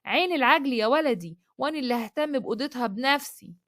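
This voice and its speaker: A stern but loving older mother speaks with a firm, scolding tone, as a woman storyteller reads her part. Her voice sits high and moves quickly. The sound is close and dry. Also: animated, a bit bright, dry recording.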